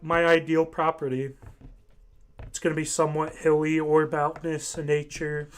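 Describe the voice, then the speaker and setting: Young guy from ohio just chatting, kinda high voice, lots of um and i dont know. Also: smooth. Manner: rambling, hesitant, many fillers. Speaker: voice chat participant. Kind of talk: casual chat.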